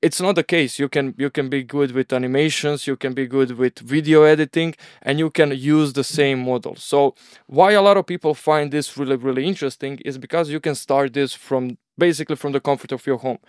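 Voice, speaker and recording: A man's voice: mid-range voice, fairly quick, no echo, studio quality. A young man from Croatia with a Croatian accent, talking casually and loosely as an interview guest, leaning on filler words like "like" and "bro". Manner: relaxed, rambling, uses "bro" and "like". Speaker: agency owner, guest.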